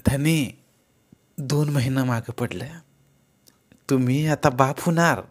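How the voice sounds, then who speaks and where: A man voicing a shy young village wife with a rural Marathi accent, speaking softly. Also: mid-range voice, slow, natural voice.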